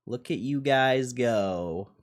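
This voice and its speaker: This slow-talking man has a mid-range voice and streams loose stock commentary live. He muses bluntly in slang, tossing off remarks with a lot of cursing.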